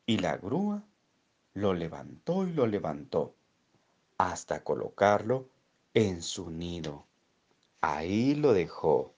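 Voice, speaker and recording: A man reading a children's story aloud in an expressive, drawn-out storytelling way. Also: low-pitched, lo-fi sound.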